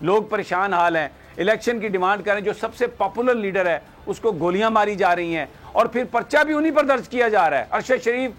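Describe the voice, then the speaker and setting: A man's voice: high-pitched, brisk, hardly any pauses, fairly bright tone. A man giving heated political commentary as a guest analyst, slipping into English phrases. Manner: impassioned, switches into English phrases.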